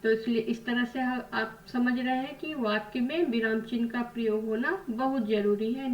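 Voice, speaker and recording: A woman's voice: fairly high pitch, roomy sound, distant mic, low-quality recording. A woman teaching a grammar lesson to children, patiently asking questions and answering them herself.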